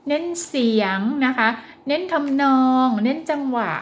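Gentle Thai teacher, higher voice. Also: female voice. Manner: gentle, coaxing, often ends phrases with polite particles; slows down and exaggerates words when modelling speech for a child. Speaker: child speech development teacher. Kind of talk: parenting advice lesson.

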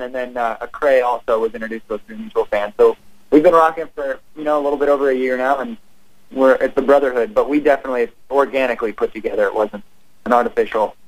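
A man's voice: mid-range voice, dry recording. Young man joking on a phone call. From California. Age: 20s. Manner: relaxed, joking, polite. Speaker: band member, guest. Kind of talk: casual interview by phone.

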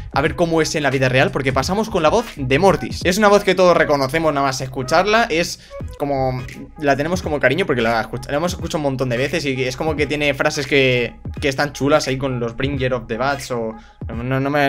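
A man with a Spain Spanish accent, hosting a casual reaction video in an excitable, chatty manner. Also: medium pitch. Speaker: YouTube host.

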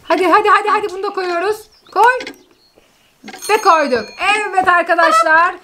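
A woman playing a video game with her daughter, cheering and talking excitedly to viewers. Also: very high-pitched, normal speed, slight background noise. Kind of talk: lively family gaming commentary.

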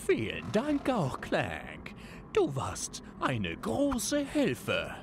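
Video game superhero villain, pompous, gloating, theatrical, slow drawn-out delivery, hugely swooping pitch. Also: male voice, huge pitch swings, gravelly, background noise, heavily acted. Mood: smug. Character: pompous, muscle-bound male superhero turned smug villain. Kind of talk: German video game dub acting.

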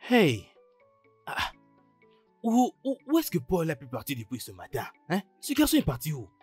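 A woman dubbing a chatty, teasing villager who flatters and dodges questions. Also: deep voice, moderate pace, breathy edge, faint music behind, full character voice. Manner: teasing, full of fillers and tags. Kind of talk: dubbed film acting.

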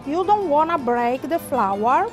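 A woman chef in her thirties with an Italian accent demonstrates a recipe in a restaurant kitchen. Her voice is high and her English slightly broken as she patiently explains each step. Background music runs clearly under her voice. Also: big pitch swings, unhurried. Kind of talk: cooking demonstration.

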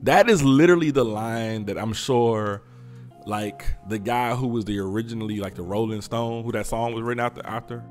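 A man hosting a podcast in casual commentary, animated, laughing often and teasing with rhetorical questions. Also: mid-range voice, normal speed, soft background music. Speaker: podcast host.

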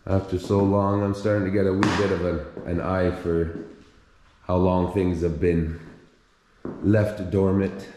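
Deep and warm, the voice barely moves in pitch as this vlogger strolls through an abandoned house indoors, filming by hand and narrating his thoughts casually. He takes his time. The empty rooms ring with echo, and there's a faint hiss.

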